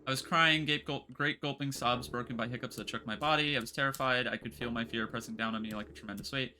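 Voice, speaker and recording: A man streaming a video game, reacting excitedly, swearing and reading the text aloud. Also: medium pitch, fast, soft background music. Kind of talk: casual game stream commentary.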